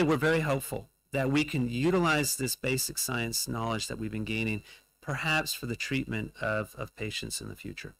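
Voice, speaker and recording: A man delivers a scientific talk at a conference in a gravelly, mid-range voice that is starting to go hoarse. He speaks in a measured way, pausing on fillers as he works through his findings. The sound is close and dry. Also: mid-range voice, a bit bright, no room sound, low-quality recording. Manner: measured, with frequent fillers and pauses. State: losing his voice. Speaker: conference presenter. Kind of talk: scientific lecture. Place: conference hall.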